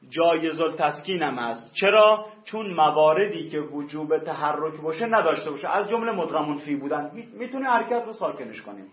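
Male teacher, high voice, muffled lo-fi classroom recording; patient grammar explainer. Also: reverberant. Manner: slow drawn-out spelling of example words.

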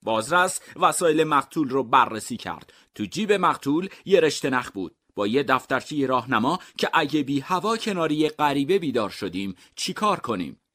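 A man reads out short comic mystery tales. His voice sits at a medium pitch. His manner is dry and deadpan, telling each twist evenly. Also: hardly any pauses. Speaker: narrator. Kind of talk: comic mystery story reading.

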